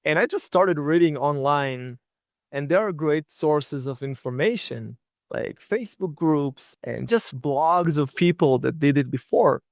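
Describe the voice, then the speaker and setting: A man's voice: fairly high pitch, a little slow, gravelly, darkish tone, no echo, studio quality. A young man from Israel, a guest telling travel stories in an easygoing, chatty way with many fillers. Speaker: guest, long-distance bicycle traveler. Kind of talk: casual interview storytelling.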